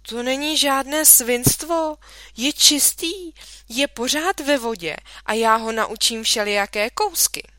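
A woman's voice: on the high side, few pauses, sharp tone, no room sound. A woman voicing an eager little boy in a children's story, chirpy and pleading. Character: eager little boy, excited about his tadpole. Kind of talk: storybook reading.

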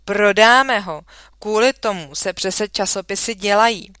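A woman's voice: medium pitch, a bit bright, clean tone, dry recording, close to an everyday voice. A woman reading aloud, voicing a quarrelsome schoolboy who brags and blusters. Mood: boastful. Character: quarrelsome schoolboy bragging about riches.

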